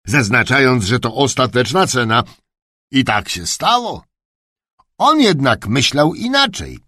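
A man voicing a grumpy, half-deaf old duke who booms and shouts in a storybook reading. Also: husky, dry recording, studio quality, exaggerated voice. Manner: booming, shouting.

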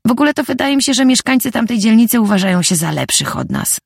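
An insistent, protective female friend from an audiobook, voiced by a woman reader. Her voice is gravelly and husky and rises and falls with lively pitch. It is recorded close and dry, with no room around it. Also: fast talker, no echo, heavily acted. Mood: gossiping. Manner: insistent, warning tone.

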